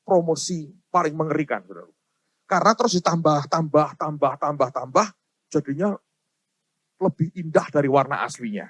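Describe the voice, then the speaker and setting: A middle-aged man preaching a sermon, telling stories to the congregation with dramatic swings from hushed to loud. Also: fairly high pitch, husky, dry recording, clean studio sound. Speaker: pastor.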